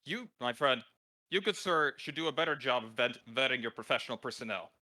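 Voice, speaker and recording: A man's voice: mid-range voice, expressive, a little fast, pushed and bright. A man voicing a proud noble who complains formally and with rising anger about an insult. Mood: indignant. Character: proud young noble man, furious and indignant.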